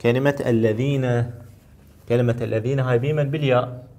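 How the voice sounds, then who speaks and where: A man teaching a recorded lesson, working through exercises. He draws out and repeats key words slowly and lifts his voice when reading verses aloud. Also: medium pitch, steady tone, darkish tone. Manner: slow, drawn-out repetition of key words; rises to read Quranic verses.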